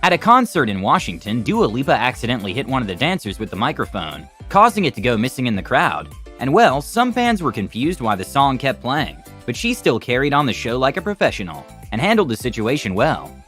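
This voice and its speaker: Fast, lively male narrator over music. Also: mid-range voice. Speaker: narrator of a video compilation. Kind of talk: scripted narration. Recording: background music under voice.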